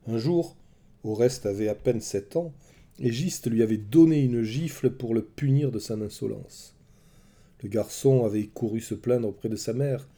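A man telling a myth in measured, dramatic scripted narration. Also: mid-range voice. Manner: measured, dramatic storytelling, soft at the close. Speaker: storyteller.

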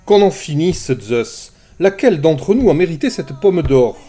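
A haughty queen of the gods, strident and impatient, voiced by a man reading a storybook. Her voice sits high and pushes hard. Faint music plays underneath. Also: sing-song, unhurried, dark tone, heavily acted. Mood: imperious. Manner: demanding, shrill.

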